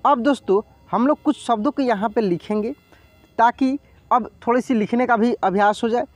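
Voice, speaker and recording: A man teaching reading in an online lesson, patiently spelling words out slowly, syllable by syllable. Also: very high voice, dry recording.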